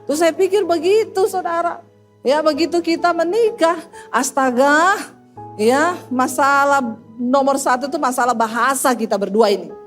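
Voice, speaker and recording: High-voiced woman pastor with a Sulawesi accent. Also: moderate pace, soft background music. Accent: Sulawesi Indonesian. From Sulawesi, Indonesia. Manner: animated, acts out dialogue with her husband. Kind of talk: humorous sermon storytelling.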